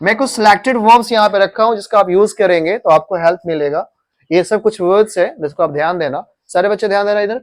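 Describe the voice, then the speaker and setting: This is a high, fast voice from a man teaching English grammar to a class in a coaching classroom. With his Indian accent, he blends Hindi and English while repeating words and drilling pronunciation.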